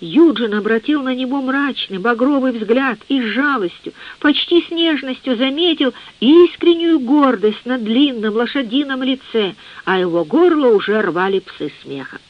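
A narrator reading a literary novel in a measured audiobook style, on a dull lo-fi recording. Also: sits high, expressive.

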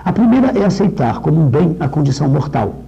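Husky middle-aged man lecturing on poetry. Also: on the high side, sing-song, warm tone, highs cut off. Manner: discursive, with restarts, slows down to recite verse. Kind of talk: literature lecture with poem readings.

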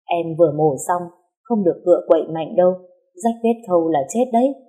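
A woman voicing a young female hospital nurse who gives brisk, caring warnings. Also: fairly low pitch, mellow, lightly acted.

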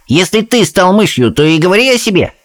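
A man's voice: big pitch swings, a little fast. A man voicing a spoiled, whiny little boy who has been turned into a mouse, in an audiobook reading. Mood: indignant. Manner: shrill, whining, indignant.

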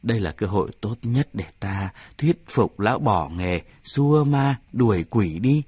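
A man's voice: on the low side, expressive, measured pace, darkish tone, breathy edge, no room sound. A man voicing a caring male border-guard captain who speaks with urgent concern. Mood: persuasive.

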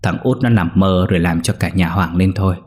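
A man's voice: low voice, fairly quick, darkish tone, close to an everyday voice. A man voicing a stern older clan elder who firmly brushes off the neighbors in a horror story. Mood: reassuring.

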